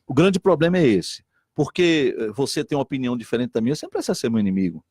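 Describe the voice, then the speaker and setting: Talking very fast with a breathy edge in his mid-range voice, a middle-aged state deputy and missionary pastor from Recife, Brazil, joins an animated talk-show conversation. He's earnest, goes over the same points again, and imitates others in lively voices, recorded in studio quality with no room sound.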